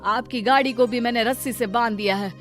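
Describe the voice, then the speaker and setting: A woman voicing a poor, brave laborer husband in a cartoon story, earnest and quick to exclaim. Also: fairly high pitch, a bit bright, faint music behind, close to an everyday voice. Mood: reassuring. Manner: earnest, exclaims "arey" a lot. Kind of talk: Hindi cartoon story dubbing.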